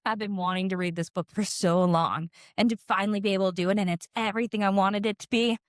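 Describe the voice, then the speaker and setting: A woman's voice: medium pitch, fairly even intonation, quick pace, no echo, clean studio sound. A woman co-hosting a podcast with a chatty, gushing book review, emphatic and very enthusiastic. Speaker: book club podcast co-host.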